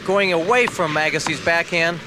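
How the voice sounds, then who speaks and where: A man's voice: on the high side, moderate pace. A man commentating on a tennis match, analysing the play point by point. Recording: noisy stadium with loud crowd.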